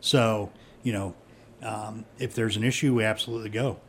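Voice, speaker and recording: A man's voice: on the low side, fairly even intonation, moderate pace, a bit bright, slight background noise. A middle-aged man, a police chief, chatting casually and rambling with many fillers and restarts. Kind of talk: casual conversation.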